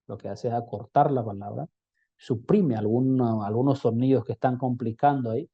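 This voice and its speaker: A man teaching a recorded language lesson, explaining patiently and repeating example phrases slowly. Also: mid-range voice, mellow. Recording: slightly dull lo-fi recording.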